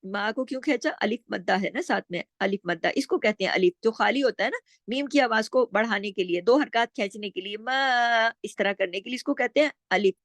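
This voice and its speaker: A woman teaching Quran recitation rules, explaining step by step, asking and answering her own questions, and drawing out words slowly when she recites. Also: mid-range voice, lively intonation, dry recording. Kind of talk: tajweed lesson with slow recitation.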